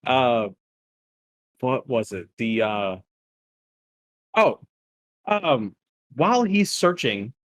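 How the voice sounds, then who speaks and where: A man's voice: mid-range voice, sing-song, extremely slow, long pauses, no echo. A man in mid-register chats loosely about an episode, often doubling back on his words. He chuckles at small nitpicks as he goes. The sound is dry and close, with no room around it. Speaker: co-host reviewing an animated episode. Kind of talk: casual review chat.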